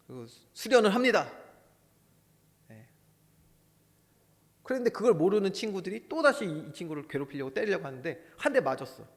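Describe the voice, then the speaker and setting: A male pastor preaching a sermon with passion, swinging from loud bursts to hushed asides. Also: high voice, very animated, fairly quick, pauses often, big-room sound.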